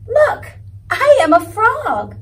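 A woman's voice: sits high, animated, takes it slowly, recorded from a distance, heavily acted, poor audio. A woman voicing a proud, boastful young male frog who tells of the world mysteriously. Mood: triumphant. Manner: triumphant, mysterious storyteller.

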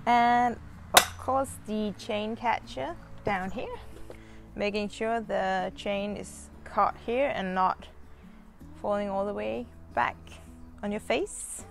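A woman in her thirties talks viewers through a hands-on demonstration in an easy, unhurried way, taking her time between phrases. She sounds relaxed and chatty, with the odd filler, recorded outdoors on a clip-on mic. Soft music sits quietly underneath. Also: mid-range voice, creaky. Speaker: chainsaw channel host. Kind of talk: casual demonstration. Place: outdoors in a garden.

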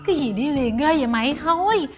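Timid wife, whiny and defensive, high and quick. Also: female voice, expressive, over music. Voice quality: defensive, complaining. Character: plain, timid married woman on the defensive. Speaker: actress in a TV drama.

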